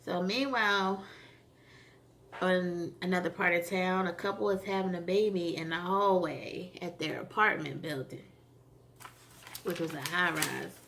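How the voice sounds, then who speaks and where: A woman with a low, gravelly voice recapping a TV episode in a loose, rambling way. She talks casually and leans on frequent fillers as she works through what happened. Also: unhurried, a bit bright, slight background noise. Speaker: TV episode reviewer.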